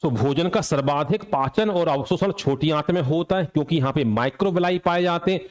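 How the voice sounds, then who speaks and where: A man with a slightly high voice gives an exam coaching lecture. He quizzes his students aloud, answers his own questions, and drills each point by saying it again. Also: moderate pace, a little mellow. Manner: repeats key points for drilling. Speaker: teacher.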